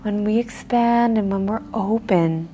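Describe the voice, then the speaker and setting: A woman leading a guided meditation in a soft, soothing way, with breathy pauses. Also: medium pitch, faint music behind.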